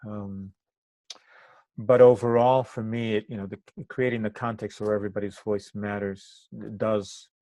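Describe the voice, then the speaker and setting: A low-voiced older man, born in Cuba and a native Spanish speaker who moved to the US at eight, gives reflective answers as an interview guest; he's an activist and trainer. His phrasing halts thoughtfully, pausing mid-sentence and resuming. Delivery is flat and tone dark, with a dry, close sound and no echo.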